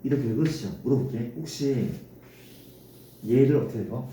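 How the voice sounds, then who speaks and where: Man, math teacher, classroom lecture, dark mellow tone, very echoey room, far from the mic. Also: mid-range voice, animated, moderate pace. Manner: coaxing, keeps asking students to confirm. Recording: echoey room, distant mic, faint noise.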